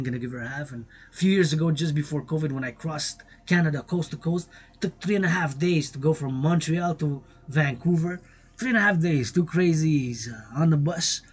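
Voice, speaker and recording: The voice is on the high side with a breathy edge, from a Quebec man with a Québécois accent. As a vlogger on a rambling bilingual livestream, he mixes French and English, goes over the same points again, and breaks into song.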